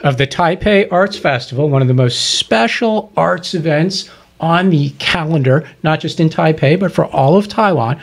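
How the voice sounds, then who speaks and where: A man's voice: sits high, creaky. A man hosting a radio interview, chatty and joking as he asks his guest questions in the studio. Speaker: radio host.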